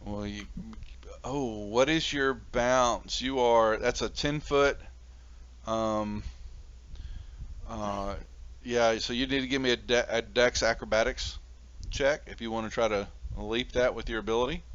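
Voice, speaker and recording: Bright-voiced man running a tabletop game. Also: medium pitch, smooth. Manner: halting, informal. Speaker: game master. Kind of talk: casual tabletop game narration. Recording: muffled audio with faint noise.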